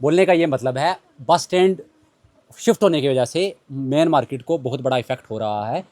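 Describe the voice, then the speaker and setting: A man's voice: mid-range voice, normal speed, darkish tone, no echo. A man reporting from an outdoor market lane and interviewing shopkeepers, with earnest appeals to viewers. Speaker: street reporter.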